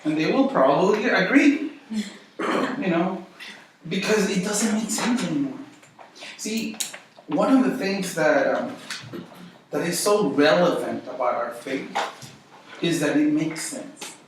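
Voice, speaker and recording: A man's voice: a little high, expressive, takes it slowly, pauses often. A man with a Guatemalan, Central American accent teaching a small Bible study group informally, with rhetorical questions and repetition. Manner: conversational, uses rhetorical questions and repetition for emphasis. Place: echoey indoor room. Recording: echoey room, distant mic, faint noise.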